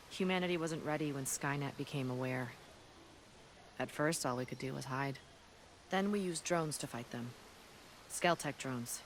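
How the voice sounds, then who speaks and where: In a video game cutscene, an actor voices a battle-hardened resistance fighter from an apocalyptic future. The lightly acted, medium-pitched delivery is earnest, solemn and deliberate, with ambient noise clearly audible in the background.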